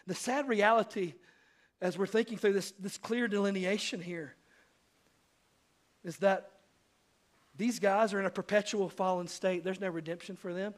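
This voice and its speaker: A male pastor giving an earnest sermon, rising to loud appeals and dropping to hushed asides. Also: high-pitched, fairly even intonation, moderate pace, long pauses.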